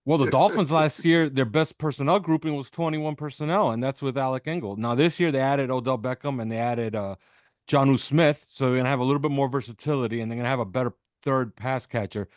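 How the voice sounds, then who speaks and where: A podcast host appears as a guest analyst in a sports interview over video call, a backdrop behind him. His mid-range voice moves fast, and he makes his points emphatically, repeating them for effect. The sound is clean studio quality with no echo.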